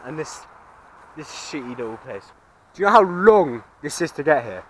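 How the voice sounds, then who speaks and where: A man's voice: on the high side, very animated, normal speed, slight background noise, poor audio. A young man chatting casually on a vlog outdoors, joking and swearing as he walks. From England. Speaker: vlogger. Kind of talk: casual chat. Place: outdoors on roads and a woodland station.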